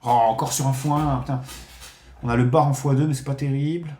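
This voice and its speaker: A man's voice: medium pitch, brisk, reverberant, a little hiss or hum. A man streaming a live casino game, commenting on his bets with frequent swearing and talking to viewers as friends. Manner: excitable, swears often, addresses viewers as friends.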